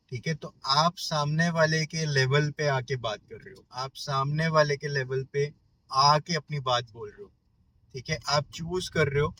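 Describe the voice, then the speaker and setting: A man coaching listeners in a casual self-help lesson, explaining with everyday examples and often pausing to check in. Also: on the high side, bright, forceful tone, rough recording.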